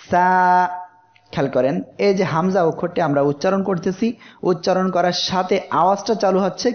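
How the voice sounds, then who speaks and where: A man teaching Quranic pronunciation in a slow, explanatory way, drawing out letter sounds as examples. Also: on the high side, muffled recording. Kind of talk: tajweed lesson.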